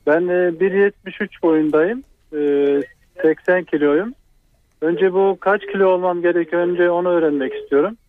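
A man with a high voice comes through a thin, tinny telephone line as he calls in to a radio program. He speaks hesitantly, stopping and restarting with fillers as he works through his question. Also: steady tone, dry recording. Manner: hesitant, halting, many fillers. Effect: heard over a telephone line. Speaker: radio call-in caller. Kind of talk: call-in question.

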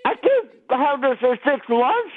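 A man's voice: very high-pitched, very animated, measured pace, no echo. Groggy man mumbling over a phone line. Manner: mumbled slurred speech, rising outrage. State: groggy, mouth swollen after dental surgery. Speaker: prank call target.

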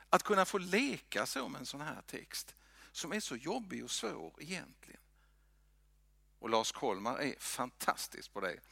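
A man preaching a sermon in a church, swinging from loud lines to hushed whispers. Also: mid-range voice, vocal fry, slightly rough, no room sound. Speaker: pastor.

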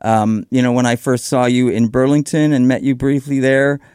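A man hosting a conversational radio interview in a smooth voice, feeling his way through his phrases. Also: mid-range voice, little pitch movement, normal speed, darkish tone, no echo, clean studio sound.

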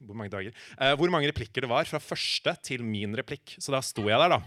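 A man telling a humorous personal anecdote in a halting, animated way, full of filler sounds and acted-out quotes. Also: mid-range voice, no echo. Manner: acts out quoted lines in shifting voices.

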